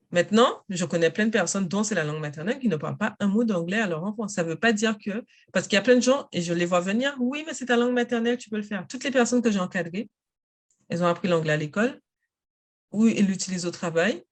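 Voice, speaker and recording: A woman, a native English speaker, talking in a casual interview about coaching parents and adults in English, in an energetic and emphatic way. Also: medium pitch, quick pace. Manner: energetic, emphatic, self-assured.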